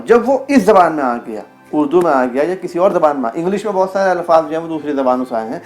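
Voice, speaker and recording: A man teaching a video lesson, reading aloud from a book and saying example words slowly and carefully. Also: a little high, a little mellow. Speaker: Urdu language teacher.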